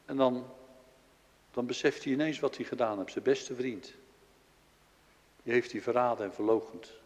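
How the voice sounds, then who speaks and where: A man preaches in a church, his voice carrying a long reverb through the large hall. He tells the story dramatically, acting out the characters' lines. He swings from loud to quiet. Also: mid-range voice, normal speed. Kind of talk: sermon.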